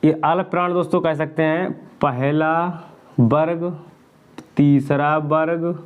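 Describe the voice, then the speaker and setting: A man's voice: on the high side, fairly even intonation, slow pace, clean tone, phone-quality sound. A man teaching a Hindi grammar lesson, asking questions and answering them himself while he drills pairs of syllables.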